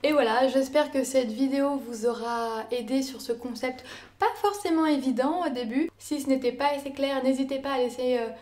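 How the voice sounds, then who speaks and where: A young woman whose first language is French walks through a language lesson, her voice sitting high. She explains each point clearly and carefully from a script, pausing to say example words aloud. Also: a little mellow. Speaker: language learner teaching Italian.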